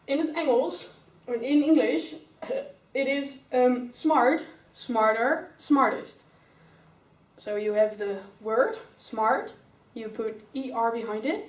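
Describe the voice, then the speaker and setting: A woman's voice: a little high, lively intonation, slow. A young woman with a Dutch accent, teaching an English grammar lesson step by step and calling on pupils by name. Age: young adult. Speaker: student teacher. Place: classroom. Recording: roomy classroom sound, mic far away.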